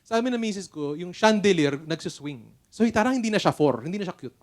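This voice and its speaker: A man's voice: high-pitched, lively intonation, fairly quick. A middle-aged man with a Filipino accent preaching a sermon at a church service, telling stories in an earnest, conversational way. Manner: mixes English and Tagalog, storytelling, earnest. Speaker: pastor.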